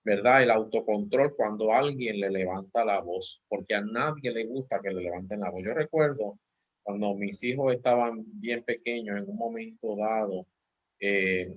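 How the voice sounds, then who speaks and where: A man, a pastor on a church talk show, calmly discussing parenting with personal anecdotes. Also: medium pitch, lo-fi sound.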